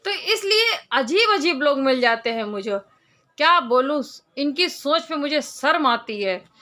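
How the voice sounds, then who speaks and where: A woman's voice: sits high, lively intonation, unhurried, sharp tone. A woman vlogger talking casually to her viewers, telling a story in an indignant, complaining way. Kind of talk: casual monologue to camera.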